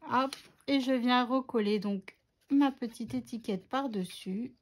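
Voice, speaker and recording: A woman's voice: on the high side, measured pace. A woman narrating a scrapbooking tutorial in a chatty, self-mocking way, with many fillers. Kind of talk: casual craft tutorial narration.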